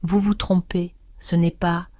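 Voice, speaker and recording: A woman's voice: fairly low pitch, flat delivery, unhurried, mellow, dry recording, lightly acted. A woman voicing a confused young nephew. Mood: confused protesting.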